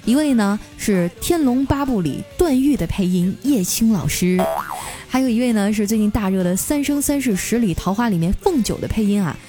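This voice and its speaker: A woman podcast host telling comic stories in a lively, playful way. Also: medium pitch, faint music behind. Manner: lively, playful with frequent drawn-out particles. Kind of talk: comic storytelling.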